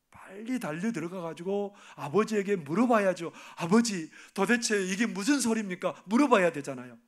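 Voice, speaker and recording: High-voiced male preacher, dramatic swings. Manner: asks the congregation questions and acts out the parable's voices; swings from loud emphasis to hushed, near-whispered asides. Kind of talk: sermon.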